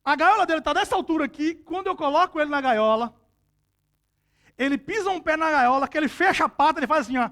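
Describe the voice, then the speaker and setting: High-voiced male preacher telling a story. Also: lively intonation, fast. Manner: storytelling preacher with sudden loud outbursts. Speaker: pastor. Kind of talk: sermon.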